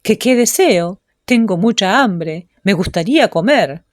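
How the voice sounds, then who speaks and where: A woman's voice: fairly low pitch, expressive, normal speed, a little mellow, no echo, clean studio sound, natural voice. A woman voicing a poor, hungry duke who mutters his weary thoughts aloud in a storybook reading. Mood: weary, wistful. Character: poor hungry duke, grown man, wistful.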